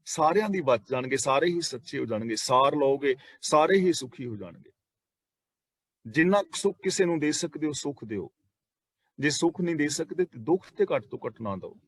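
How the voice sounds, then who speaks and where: A man explaining scripture as a preacher, reciting verses slowly and deliberately, then explaining them. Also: on the high side, husky, no echo. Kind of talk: scripture exposition.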